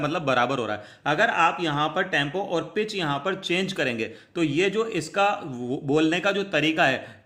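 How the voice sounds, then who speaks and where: A man's voice: fairly high pitch, sharp tone. A man giving a step-by-step screen tutorial, talking his viewers through each click and calling them friends. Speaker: tutorial host.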